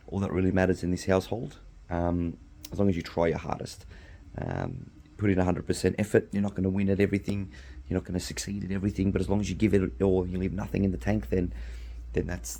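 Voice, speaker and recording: Hosting solo, this middle-aged Australian podcaster chats casually and rambles, full of ums and restarts. He's a bit hoarse from losing his voice, and his low voice stays mellow.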